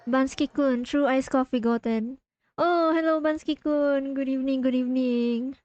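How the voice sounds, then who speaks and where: A woman's voice: high voice, steady tone, moderate pace, darkish tone, dry recording, highs cut off. A woman streaming a video game, chatting casually and giggling while she talks to her viewers. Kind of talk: casual livestream commentary.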